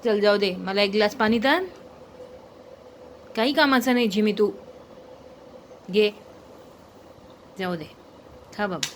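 A woman's voice: mid-range voice, takes it slowly, pauses often, slight background noise. A woman chatting casually to her pet dog, coaxing and teasing it with repeated questions. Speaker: pet owner vlogger.

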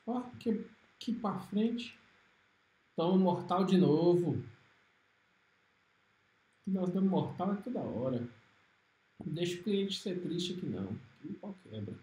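A man with a Brazilian Portuguese accent giving excitable, trash-talking commentary while streaming a fighting game. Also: high-pitched, reverberant. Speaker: gaming streamer. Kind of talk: live gameplay commentary.

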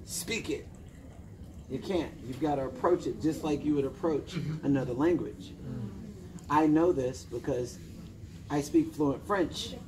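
A man in his thirties, a personal development coach, sits among a small group in an indoor lounge and gives informal motivational coaching. He is emphatic and directive, using short commands and questions, in a voice on the high side, a little slow, with long pauses. The noisy room carries an ambient hum.

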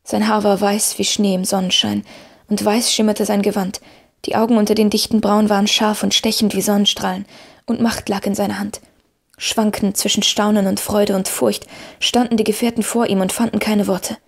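A woman reading a fantasy story aloud with an even storytelling delivery. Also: mid-range voice, moderate pace, vocal fry. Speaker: audiobook narrator. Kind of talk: scripted fantasy narration.

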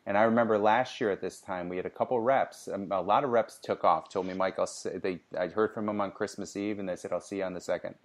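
A man's voice: deep voice, steady tone, quick pace, hardly any pauses. A man co-hosting a casual sales podcast, giving upbeat coaching advice with frequent restarts. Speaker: podcast co-host.

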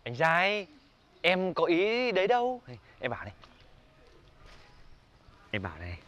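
A cocky, boastful young man from the north of Vietnam, bossing his friends around, played by a man in a comedy sketch. His voice sits high and bright and swings widely up and down, so every line lands with a brash bluster. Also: huge pitch swings, measured pace, highs cut off, full character voice. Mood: fawning. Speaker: actor. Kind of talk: web comedy sketch acting.

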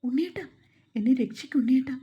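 A woman's voice: on the high side, a little fast, slightly rough, muffled recording. A woman voicing a frightened young village woman who begs for help through tears. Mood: pleading. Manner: tearful, pleading.

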